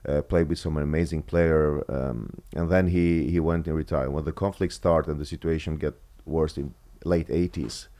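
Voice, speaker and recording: Rumbling low and warm in tone, the voice of this former Kosovo footballer keeps a fairly even intonation as he talks as an interview guest. His Albanian-accented speech is casual but halting, with many fillers and restarts.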